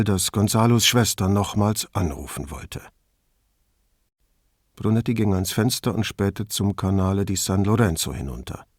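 A man calmly narrating an audiobook in an even storytelling manner, close to the microphone. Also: lowish voice, no echo. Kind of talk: scripted narration.

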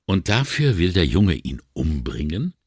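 A man's voice: deep voice, sing-song, unhurried, a little mellow, husky, dry recording, clean studio sound, exaggerated voice. A man voicing a weary, indignant middle-aged male police inspector in an audiobook, sighing and exasperated. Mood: doubtful. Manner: sighing, exasperated and morally upset. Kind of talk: audiobook character reading.

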